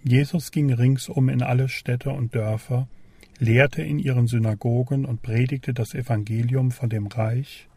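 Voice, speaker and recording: A man giving a slow, solemn, measured reading of a Gospel passage aloud. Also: medium pitch, dark tone, husky, no echo. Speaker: scripture reader.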